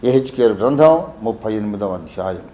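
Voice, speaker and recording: A man from Warangal, a pastor teaching a Bible sermon, swinging between quiet asides and emphatic peaks. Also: on the low side, lively intonation, a little fast, echoey room. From Warangal, India.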